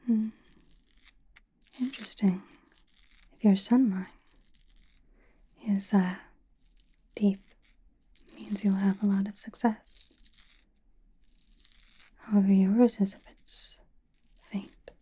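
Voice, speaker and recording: A warm, medium-pitched, slightly rough female voice whispers in the role of a self-assured, enigmatic witch reading fortunes for an ASMR roleplay. She speaks breathily and slowly in a soothing manner, pausing to muse, creating a musing, intimate mood.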